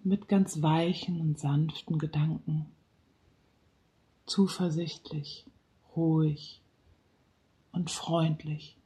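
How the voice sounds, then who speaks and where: A relaxation guide speaking softly and slowly, sometimes dropping into a whisper, leading a guided relaxation. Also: mid-range voice, fairly even intonation. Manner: slow, soft-spoken, partly whispered.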